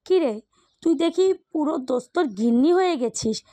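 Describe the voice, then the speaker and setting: A woman voicing a lively, teasing young woman in an audio love story. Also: sits high, moderate pace, no echo. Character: teasing young woman, the heroine's friendly cousin.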